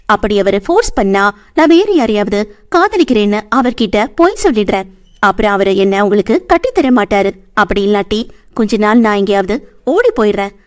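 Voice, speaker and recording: A woman's voice: medium pitch, animated, a little fast, close to an everyday voice. A woman voicing an innocent, childlike young woman who chatters naively in a storybook reading.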